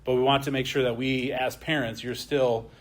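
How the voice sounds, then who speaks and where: Man teaching a relaxed church lesson. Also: mid-range voice, normal speed. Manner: conversational, often adds a questioning "right?". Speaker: adult Bible class teacher.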